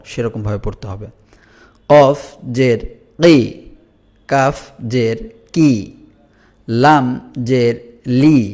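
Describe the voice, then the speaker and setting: Slow, measured man teaching Arabic letters. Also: mid-range voice, darkish tone. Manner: slow, drawn-out drilling of each letter. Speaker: Quran reading teacher. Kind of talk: letter-by-letter recitation lesson.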